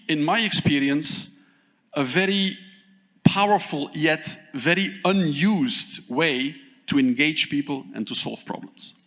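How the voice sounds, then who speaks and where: On stage at a conference, a keynote speaker from Thailand talks in a fairly high, lively voice that echoes at length around a big hall. He keeps stopping to put questions to the crowd, pausing frequently throughout.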